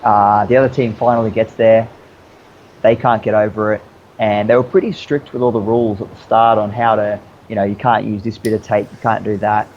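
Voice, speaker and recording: A man's voice: lowish voice, steady tone, fairly quick, darkish tone, dull audio, a little hiss or hum. A man chatting casually as a guest, telling stories in an easygoing, rambling, slangy way. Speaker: interview guest, obstacle racer. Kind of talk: casual storytelling chat.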